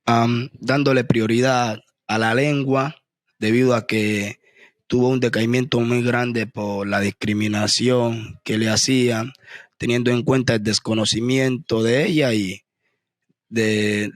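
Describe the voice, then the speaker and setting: A man with a Colombian accent speaks as a musician in an interview. His delivery is measured, with pauses between phrases, and his mid-pitched voice sounds close and dry. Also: level tone, no echo. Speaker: musician, group member being interviewed. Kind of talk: interview answers.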